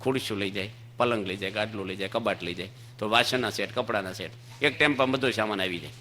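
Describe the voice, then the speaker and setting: A man's voice: lowish voice, fast talker, pushed and bright, slight background noise. A man giving a sermon to an audience that includes children, telling stories and putting questions to the listeners. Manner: storytelling with voiced characters, asks the audience questions. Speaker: swami giving a religious discourse. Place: assembly hall with children in the audience.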